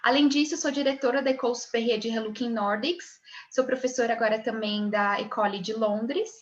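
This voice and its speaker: Teacher, woman, bright-pitched, lecturing on a video call with muffled sound. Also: fairly even intonation, fairly quick, a little hiss or hum. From Brazil. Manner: friendly greeting of students, then lecturing. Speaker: image consulting teacher. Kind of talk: online class via video call. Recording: dull lo-fi video call audio.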